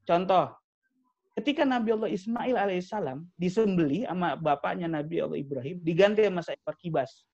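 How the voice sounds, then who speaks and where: A man's voice: sits high, a little fast, a little mellow. A man preaching a light-hearted religious talk, joking with his audience between points. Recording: dry, slightly dull sound.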